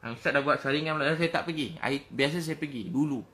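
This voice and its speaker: A man's voice: fairly high pitch, fast, fairly bright tone. A middle-aged man with a Malaysian Malay accent, preaching emotionally and repetitively, rising into fervent prayer. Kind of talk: emotional religious talk.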